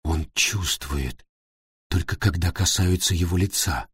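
A man voicing a frightened young woman who speaks in a hushed, anxious tone. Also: sits low, unhurried, husky, no echo, clean studio sound, pitched below the performer's own voice, full character voice.

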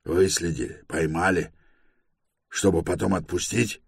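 A man doing a raspy, gruff older scholar. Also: deep voice, steady tone, measured pace, no echo, studio quality, exaggerated voice. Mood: reasoning.

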